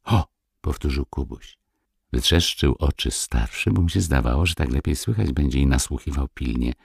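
A man reading a classic fairy tale aloud, expressive and shifting between hushed and lively tones. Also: a bass voice, normal speed, creaky, breathy edge, no echo, studio quality. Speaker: storyteller.

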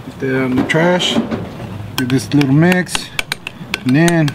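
With a fairly high-pitched voice and a measured pace, this middle-aged man runs a relaxed backyard cooking demo, chatty, folksy and jolly. The outdoor grilling area brings some background noise.

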